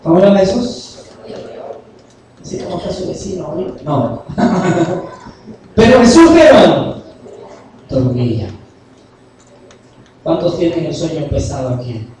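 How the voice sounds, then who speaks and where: A male pastor with a high voice preaches in call-and-response style, firing rhetorical questions at the congregation and slipping in jokey asides. His voice rings through a very echoey church hall and is picked up from well back from the mic. Faint noise sits underneath. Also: big pitch swings, unhurried, pauses often, a little mellow, far from the mic. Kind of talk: sermon.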